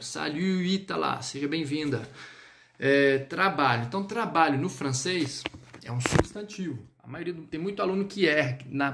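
A man's voice: on the high side, gravelly, fairly bright tone. A man teaching a live online French lesson, speaking to viewers on a phone or webcam mic and checking in with them often.

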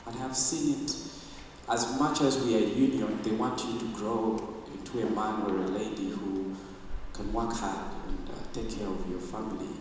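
A young man with a Ugandan accent speaks at a funeral, pausing often as he searches for words. His lowish voice rings through a roomy church hall, picked up from a distance with steady background hiss. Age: young adult. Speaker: grandson giving a eulogy. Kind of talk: funeral eulogy. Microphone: handheld mic. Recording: echoey church from far off.

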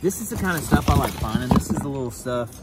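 A man's voice: medium pitch, fast talker. A man, chatting casually to camera while unboxing finds outdoors at storage units. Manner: chatty, animated, jokey asides. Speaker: storage unit vlogger. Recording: outdoor recording with clear background noise.

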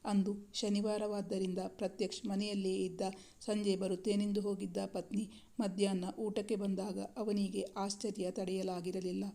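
A woman narrating a romance story in a steady, even reading style. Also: medium pitch, moderate pace, vocal fry.

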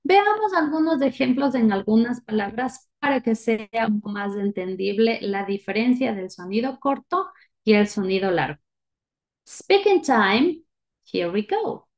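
A woman teaching English vowel sounds in a patient spoken lesson, modelling each sound slowly for learners to repeat. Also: a little high, a little mellow. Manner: slow and deliberate, modelling sounds for repetition.

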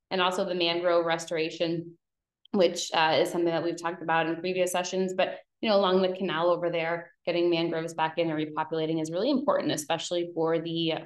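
A woman with a slightly low voice presents slides as a real estate presenter, explaining things in an informal, conversational way. She's on a video call in an indoor room, and her webcam audio is roomy and echoing.

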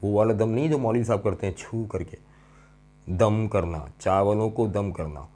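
A middle-aged man teaching an English grammar lesson, explaining step by step and quizzing his students, stressing key words slowly. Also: on the low side, warm tone. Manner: slow and emphatic over key words.

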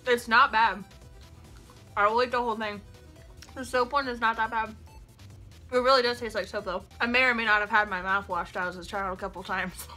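A woman's voice: fairly high pitch, steady tone, a little fast, long pauses, bright, forceful tone, soft background music. A young woman chatting casually and playfully while tasting gross jelly beans, reacting expressively, recorded on a living room couch. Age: young adult. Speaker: vlog co-host in a taste challenge. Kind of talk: casual playful challenge chat. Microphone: camera a short distance away.

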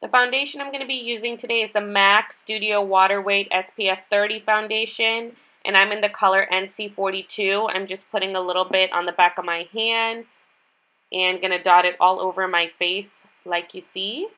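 A woman's voice: medium pitch, steady tone, moderate pace, bright, forceful tone, rough recording. A woman in her twenties with a stuffed-up, nasal whine from being sick, giving a casual makeup tutorial. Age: 20s. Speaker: beauty vlogger. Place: small bedroom, indoors.

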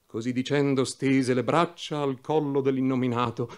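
A man reading a classic novel aloud in a measured, solemn narration. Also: medium pitch, steady tone, clear, resonant tone. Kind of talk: literary audiobook reading.

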